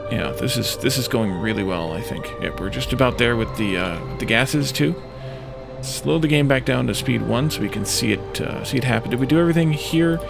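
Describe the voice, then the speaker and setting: This let's play host's gravelly, medium-pitched voice has lively intonation, and his pace is brisk. He comments casually on a video game, muttering thoughts to himself in brief fragments, with game music playing behind.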